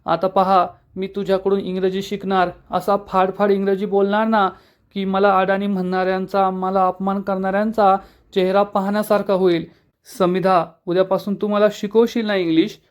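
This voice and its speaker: A man's voice: high-pitched, level tone, normal speed, clean tone, natural voice. A man voicing a confused young man just coming round, pleading and rambling, read out in a serial recap.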